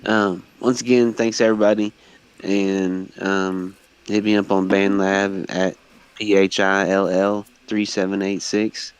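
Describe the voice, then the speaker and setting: A man speaking as a guest beatmaker in a casual chat, hesitant and soft-spoken with many fillers. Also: low-pitched, flat delivery, a little slow, smooth, low-quality recording.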